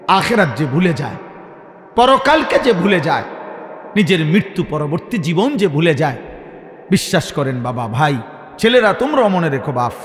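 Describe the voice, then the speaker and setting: Dramatic Bangladeshi preacher in an echoing hall. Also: male voice, on the high side. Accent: Bangladeshi Bengali. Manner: dramatic chanting delivery with sudden loud swells and hushed drops. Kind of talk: waz sermon. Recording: echoey hall.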